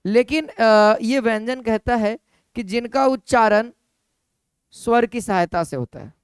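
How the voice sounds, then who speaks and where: A man teaching an exam-prep class in a smooth, resonant voice, recorded close and dry with almost no room sound. He repeats key points over and over, asks his students questions and answers them himself. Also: very high voice, lively intonation, measured pace, dry recording.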